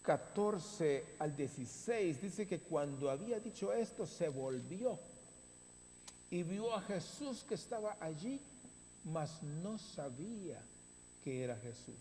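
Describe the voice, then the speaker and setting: A man preaching a sermon as pastor, stressing words with long dramatic pauses, recorded in a church sanctuary. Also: on the high side, animated, dark tone. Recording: reverberant hall, faint hum.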